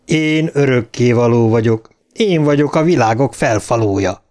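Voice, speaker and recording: A man's voice: mid-range voice, darkish tone, close to an everyday voice. Man voicing a boastful monster spider. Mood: taunting. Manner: grandiose, taunting. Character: ancient evil female spider monster, boastful and menacing. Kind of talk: audiobook character voice.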